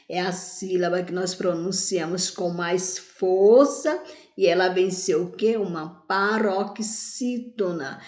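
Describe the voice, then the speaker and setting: A woman teaching grammar, stretching words out syllable by syllable and answering her own questions. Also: mid-range voice. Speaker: Portuguese teacher. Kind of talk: grammar lesson. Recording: echoey room.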